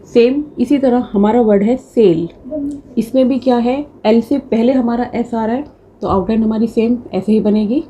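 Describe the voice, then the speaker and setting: A woman's voice: on the high side, normal speed, dark tone, slight background noise. A young woman teaching a shorthand class, patiently explaining step by step and mixing in English terms. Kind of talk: classroom lecture.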